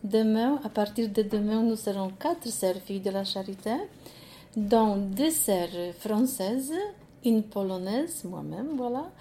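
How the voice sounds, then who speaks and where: A woman's voice: medium pitch, a little slow, dark tone, a little hiss or hum. A nun with a Polish accent, whose first language is Polish, introducing her community in a radio interview, speaking plainly and earnestly.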